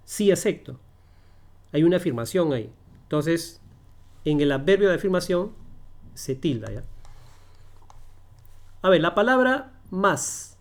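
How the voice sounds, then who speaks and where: Over a call, a man gives a one-on-one grammar lesson, speaking slowly and patiently in a fairly high, sing-song voice. He repeats his examples and checks that his listener understands.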